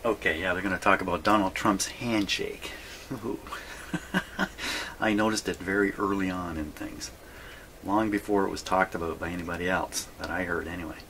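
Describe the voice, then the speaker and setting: A man narrates a casual hands-on vlog of his hobby repairing vintage radios in an indoor workshop, thinking aloud with rambling, folksy charm. His low voice is pushed and bright, with fairly even intonation and a moderate pace. The recording has clear background noise.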